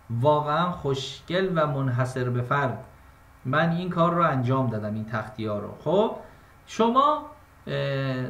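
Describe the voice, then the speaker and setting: A man teaching an exam-prep class on poetic meter. His voice sits a little high and rings in an echoey room. He talks to his students in a casual, step-by-step way and slows into a chant when he recites verses. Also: fairly bright tone. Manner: addresses students directly and casually.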